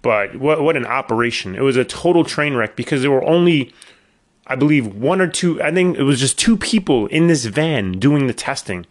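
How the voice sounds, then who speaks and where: In a casual solo podcast, the middle-aged host tells long, meandering stories peppered with wry asides. His medium-pitched voice is animated and moves at a moderate pace, though it sounds a bit worn after an illness.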